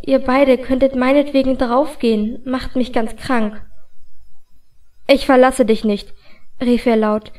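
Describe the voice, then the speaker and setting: A woman reading a fantasy audiobook in first person, with a calm, even storytelling delivery. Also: sits high. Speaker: audiobook reader.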